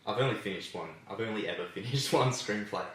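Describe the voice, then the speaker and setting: A man with a lowish voice chats casually as a podcast host, laid-back and rambling, swearing offhand. He sits back from the mic in a very echoey room. Faint noise hangs in the background. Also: fast, far from the mic. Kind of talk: casual chat.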